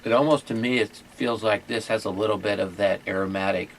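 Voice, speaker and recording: A man hosting a casual food tasting video, talking in a halting way with many pauses and fillers. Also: lowish voice, fairly even intonation, a little hiss or hum. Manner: hesitant, many fillers and restarts. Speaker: ministry owner and host. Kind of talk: casual chat and taste test.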